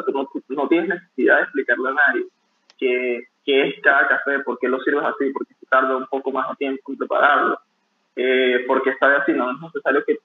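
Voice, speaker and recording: A young man, a barista, talking casually in an interview, relaxed and rambling with many restarts. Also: medium pitch. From Venezuela. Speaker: barista guest. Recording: tinny phone-like call audio.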